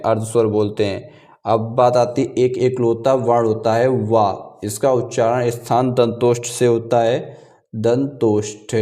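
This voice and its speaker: Flat, dark-voiced male teacher. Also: medium pitch. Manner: repeats key terms slowly, asks and answers his own questions. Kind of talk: exam-prep grammar lesson. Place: room, writing on paper.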